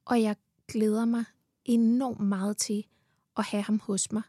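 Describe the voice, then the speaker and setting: A heavily pregnant Danish woman appears as a podcast guest in a casual chat, full of enthusiasm, swearing freely and laughing often. Recorded on a studio mic with no echo, her mid-range voice has a dark, level tone.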